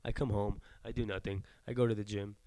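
A man's voice: fairly low pitch, flat delivery, brisk, warm tone, dry recording, studio quality. Joking young man with a sick cough. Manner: joking, trails off and restarts. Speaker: podcast co-host. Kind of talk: casual chat.

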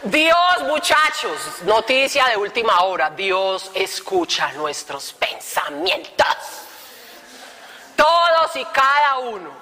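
A young woman tells her testimony to a group of young people. She jokes and throws in colloquial asides, with a bright, fairly high voice. Long reverb surrounds her, as in a big hall. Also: takes it slowly. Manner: animated, joking, colloquial, playful asides. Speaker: speaker giving testimony to youth. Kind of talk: lively testimony talk.

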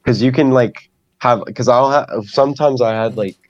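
A man's voice: medium pitch, moderate pace, no echo, highs cut off. A man, a guest streamer on a podcast, chatting casually and rambling, laughing at himself often. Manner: rambling, self-deprecating, laughs a lot.

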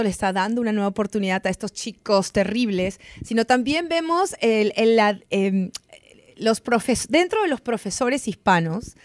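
Woman, interview host, slightly high voice, chatty, dry close sound. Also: no room sound. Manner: chatty, affirming, laughs along. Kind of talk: casual interview.

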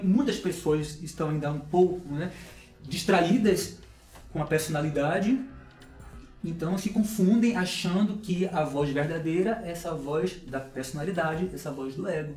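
A Brazilian man speaking as a voice coach on a podcast, calm and reflective, with a gently spiritual manner. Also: a little high, normal speed. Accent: Brazilian Portuguese. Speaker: voice coach guest. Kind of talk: podcast conversation. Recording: roomy echo, faint music behind.

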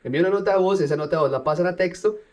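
Energetic man giving a tech walkthrough. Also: high-pitched, rapid-fire. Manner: energetic, with punchy sound words; speaks directly to viewers. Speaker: business owner. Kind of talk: casual tutorial vlog.

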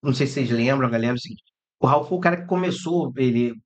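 A Brazilian man hosting a podcast, telling lively anecdotes in casual chat and mimicking the people in his stories. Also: mid-range voice, racing. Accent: Brazilian Portuguese. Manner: animated, mimics voices in anecdotes, swears and laughs. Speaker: podcast host.

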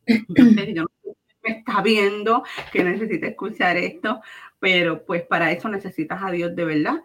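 A middle-aged woman from Puerto Rico, speaking with a Puerto Rican Spanish accent, shares a personal religious testimony. Her voice is medium-pitched at normal speed, and she addresses listeners earnestly and directly, repeating things for emphasis.

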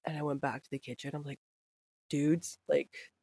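A woman's voice: a bass voice, rapid-fire, husky, dry recording. A young woman hosting a podcast, telling a wild anecdote with lots of swearing and laughter. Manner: profane, laughing, animated anecdotes. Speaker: podcast host. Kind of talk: casual storytelling chat.

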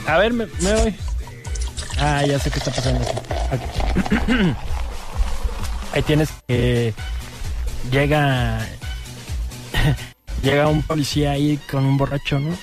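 A man's voice: fairly high pitch, slow pace, pauses often, over music. A man with a Mexican accent hosting a radio joke segment, playful and laughing at his own jokes. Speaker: radio comedy host.

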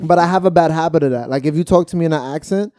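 A man's voice: on the high side, very fast, music in the background. A young man co-hosting a podcast, talking in a loose, joking, trash-talking way. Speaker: podcast co-host. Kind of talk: casual chat.

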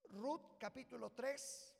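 A man preaching a sermon, who keeps calling the congregation "brother" and swings from loud shouts to low asides. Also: slow, creaky. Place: church hall. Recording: long reverb of a church hall.

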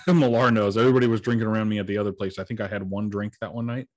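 Low-voiced casual male podcast host. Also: steady tone, racing. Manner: rambling, filler-heavy, tired and yawning.

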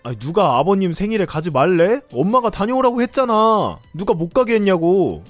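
A man plays a young husband in a cartoon story drama, defensive and dismissive as he sides with his mother. His voice rises and falls widely, with soft music behind. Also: mid-range voice, expressive, fairly quick, no echo, close to an everyday voice.

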